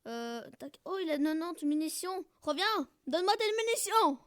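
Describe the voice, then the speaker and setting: A woman giving casual, jokey gameplay commentary who keeps bursting into loud shouts and cries. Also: extremely high pitch, big pitch swings, moderate pace, no echo, studio quality. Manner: jokey, self-mocking. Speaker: gaming video creator.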